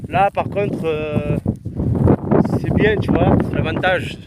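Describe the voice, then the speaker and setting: A man talks casually and loosely straight to his viewers as he hikes a rural hillside. His voice sits a little high for a man. Loud wind buffets the camera mic throughout the outdoor recording. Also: takes it slowly. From Aveyron, France. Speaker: vlogger. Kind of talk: casual chat to camera while hiking.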